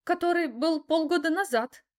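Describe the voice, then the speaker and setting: A woman voicing a brash, hysterical young kept mistress in an audiobook, loud and scornful. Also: extremely high pitch, moderate pace, voice pushed up. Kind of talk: audiobook character voice.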